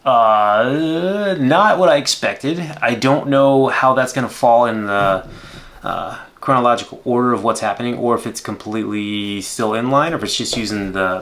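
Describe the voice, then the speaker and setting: A man's voice: fairly low pitch, fairly bright tone, a little hiss or hum. A man in his thirties hosting a movie reaction, giving casual, unscripted commentary with rambling asides.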